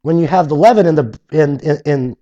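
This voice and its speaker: In a muffled recording, a man with a fairly high voice and moderate pace gives expository Bible teaching. His style is conversational with restarts, and he animatedly voices the objections his listeners might raise.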